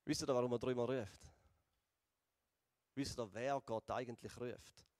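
A man with a Swiss German accent preaching a sermon and retelling a Bible story, slowing and going softer for emphasis. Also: medium pitch, fairly even intonation, no echo, studio quality, in a large hall. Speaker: pastor.

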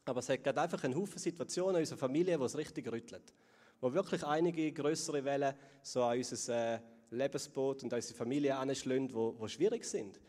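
Earnest preacher in a reverberant hall. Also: male voice, fast talker. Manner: earnest, dropping to soft low tones on key words. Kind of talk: sermon.

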